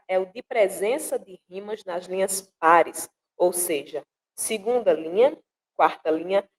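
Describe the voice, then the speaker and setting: A woman from northeastern Brazil, a poet, teaching verse meter in a slow, deliberate way and sounding out syllables one at a time. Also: mid-range voice, poor audio. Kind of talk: explanatory lesson with recited verses.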